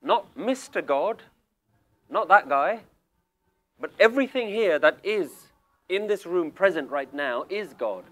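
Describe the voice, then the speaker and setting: A man's voice: high voice, expressive, a little slow, a bit bright. A male spiritual teacher giving an emphatic, questioning talk to a group seated in a room. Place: room with a small audience.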